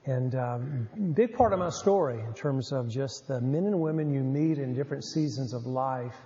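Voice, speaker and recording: A man's voice: medium pitch, normal speed, mellow. A man in his seventies with a rural North Carolina Southern accent, a former youth pastor giving a folksy, rambling talk to an audience with lots of filler uhs. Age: 70s. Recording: roomy hall, slightly dull lo-fi.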